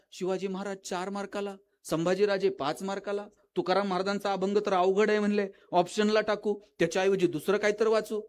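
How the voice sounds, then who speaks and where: A man giving a lively motivational lecture at a school event, telling funny stories and acting out the characters' lines. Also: high voice. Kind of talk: public lecture with storytelling.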